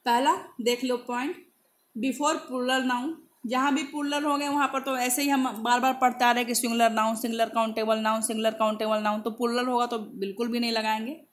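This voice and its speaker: A woman teaching English grammar in Hindi, who reads English examples slowly and keeps checking "है ना". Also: fairly high pitch, flat delivery.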